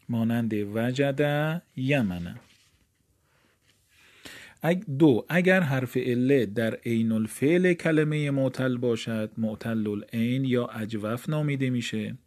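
A man's voice: mid-range voice, dark tone. A man teaching grammar from a textbook. He reads passages aloud and then explains them in casual speech.

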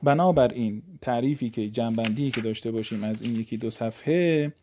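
A man teaches a grammar lesson in a mellow, darker voice. He reads a line from the textbook, then puts it into casual, everyday words. His pitch sits in the middle range for a man. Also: slight background noise. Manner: reads the book aloud, then explains it in casual speech. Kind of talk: explaining Arabic grammar from a textbook.

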